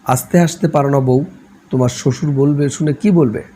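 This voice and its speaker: A man voicing a scolding, sharp-tongued old grandmother in a read-aloud novel, shrill and scornful. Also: moderate pace, slight background noise, natural voice.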